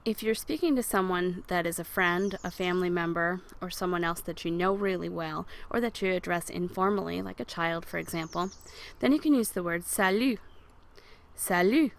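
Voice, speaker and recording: A woman teaching a beginner French lesson, patiently explaining and modeling words slowly for learners to repeat. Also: lowish voice, creaky. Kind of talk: recorded language lesson over slides.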